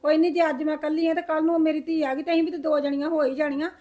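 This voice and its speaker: A woman's voice: high voice, flat delivery, fast talker, warm tone, lightly acted. A woman acting a lonely, grieving old grandmother who sighs, laments and talks to herself in a village drama. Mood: bitter. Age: older. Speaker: grandmother in a short film.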